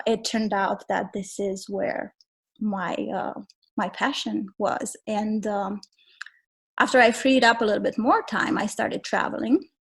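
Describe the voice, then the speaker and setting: A woman in her forties from Romania, speaking as a podcast guest and telling her story in a measured, reflective way with frequent ums. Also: mid-range voice, a bit bright. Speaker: guest, travel photographer. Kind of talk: casual interview.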